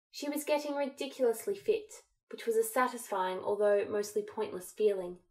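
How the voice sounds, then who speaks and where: A woman's voice: medium pitch, darkish tone. Woman reading a fan audiobook steadily. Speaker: audiobook narrator.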